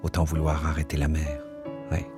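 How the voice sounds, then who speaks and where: A man narrating a literary text as an audiobook, measured and expressive. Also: rumbling low, over loud music. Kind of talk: literary reading.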